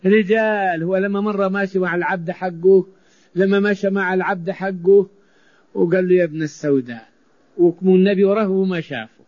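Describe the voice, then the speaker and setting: A male preacher delivers a sermon in a high voice. He drives his points home by repeating phrases. The recording is dry and dull, lo-fi in quality. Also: level tone, brisk, no echo. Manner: emphatic, repeating phrases for stress.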